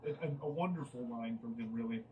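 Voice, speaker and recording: A man's voice: mid-range voice, normal speed, a little mellow, far from the mic, slight background noise, rough recording. A man giving comedic commentary on a dating app chat he reads out. He sounds incredulous and exasperated and swears freely.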